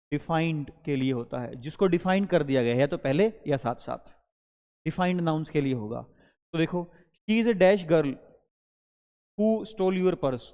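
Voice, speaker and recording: A man's voice: fairly high pitch, darkish tone. Man teaching grammar in a reverberant room. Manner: explains step by step and quizzes students with questions. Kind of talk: Hindi-English exam grammar lesson.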